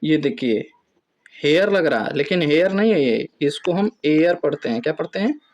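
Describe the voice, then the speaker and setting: A man's voice: on the high side, animated, brisk, darkish tone, highs cut off. A man with a Hindi accent teaching English grammar, explaining step by step and asking questions he then answers himself. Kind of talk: classroom-style lesson.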